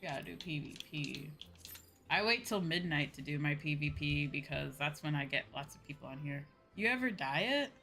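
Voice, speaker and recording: Hosting a live gaming stream, a woman rambles casually and expressively with her viewers, music playing behind her. Her voice sits low and comes across pushed and bright, with vocal fry, at a normal speed.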